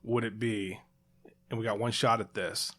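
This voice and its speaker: A man's voice: fairly low pitch, fairly even intonation, normal speed, a bit bright. A man co-hosting a podcast, explaining at length with fillers and restarts and playful asides. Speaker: podcast co-host. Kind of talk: casual chat.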